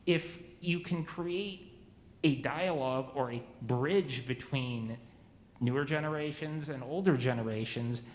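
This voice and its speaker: A man in his forties asking a new minister questions at a church meeting, halting and often restarting his sentences. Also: mid-range voice, roomy sound, long reverb tail. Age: 40s.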